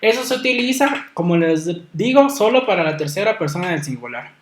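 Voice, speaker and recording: A Spanish-speaking teacher explaining grammar rules patiently, spelling out letters slowly and checking in with "ok" after nearly every point. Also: mid-range voice, lively intonation, a little hiss or hum. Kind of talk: recorded online grammar lesson.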